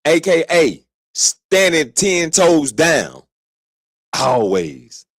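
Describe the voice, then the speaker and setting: A man hosting a stream, giving casual reaction commentary in a relaxed way, talking back to the clip and laughing now and then. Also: fairly high pitch, extremely slow, vocal fry, no room sound, studio quality. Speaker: stream host.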